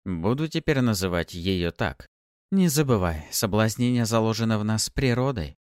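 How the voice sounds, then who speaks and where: A man's voice: fairly low pitch, expressive, moderate pace, smooth, no echo, clean studio sound, close to an everyday voice. A man voicing a sly, possessive female succubus with a mocking, playful manner in an audiobook. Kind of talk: audiobook character voice.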